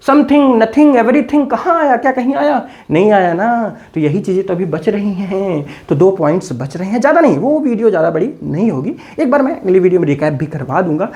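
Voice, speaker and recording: A man with a high-pitched, somewhat dark voice teaches an English grammar lesson. He chats casually with viewers, calling them brother, and drills examples by repeating them emphatically.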